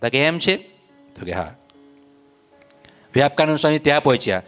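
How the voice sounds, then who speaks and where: A man's voice: on the high side, lively intonation, fairly quick, a bit bright, clear, resonant tone, faint music behind. A man narrating a devotional story as a religious storyteller, repeating phrases in a sing-song way.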